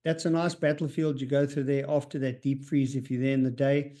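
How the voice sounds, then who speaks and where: A man's voice: medium pitch, level tone, fairly quick, mellow. A man giving a race briefing over a video call, his voice breaking up as the stream quality drops. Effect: voice breaking up over a weak video call connection.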